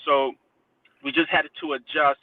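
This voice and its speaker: A Haitian-born man who moved to Connecticut at age six shares personal recollections in a casual interview chat, dropping slang and repeating phrases for emphasis. He speaks unhurriedly, on the high side with little pitch movement. The sound is tinny and phone-like, with him sitting distant from the mic.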